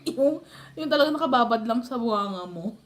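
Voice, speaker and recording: An animated woman with a Filipino accent and a voice on the high side chats fairly quickly with her live stream viewers. She tells family stories and laughs often.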